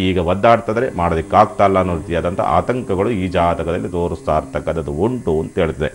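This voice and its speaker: Man astrologer on tv, super low voice, calm reassuring tone, reels off predictions one after another. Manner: soothing, reassuring counsel; steady listing of predictions. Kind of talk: call-in horoscope advice.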